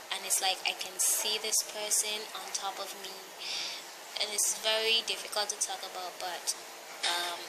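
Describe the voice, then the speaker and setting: A tired woman speaking anxiously and haltingly in a candid, confessional vlog to her viewers. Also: mid-range voice, heavy background noise. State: tired from lack of sleep. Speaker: personal vlogger.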